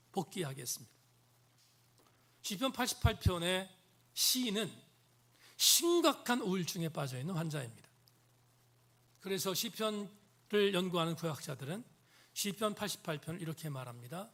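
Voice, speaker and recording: A man delivers a sermon in a church sanctuary. His voice sits high and carries a gravelly edge. He preaches emphatically and often sinks into hushed, near-whispered tones. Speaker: pastor.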